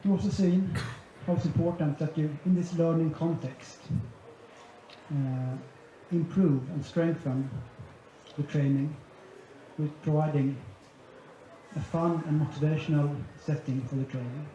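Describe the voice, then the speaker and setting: A man with a fairly high, warm voice presents at a conference at a measured pace and steady tone, methodically covering his points one by one. Recorded in a large, echoey hall, the audio is dull with faint ambience and slight background noise.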